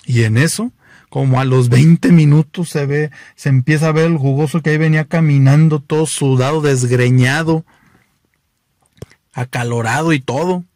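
A Mexican man tells jokes with animated, playful energy and punches them up with sudden exclamations. His voice sits fairly high for a man. The recording is close and dry, with no room echo. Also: normal speed. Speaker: joke teller. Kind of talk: oral joke telling.

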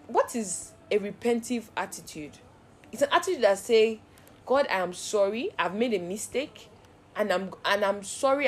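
A woman's voice: mid-range voice, darkish tone, a little hiss or hum. Earnest woman teaching a devotional. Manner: earnest, heartfelt, repetitive cadences. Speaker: Bible study host.

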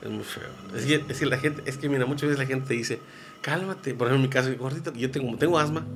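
A man with a Mexican accent, a podcast guest, telling stories in an excitable, rambling way. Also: mid-range voice, fast, slight background noise. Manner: excitable, rambling, restarts sentences. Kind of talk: casual chat.

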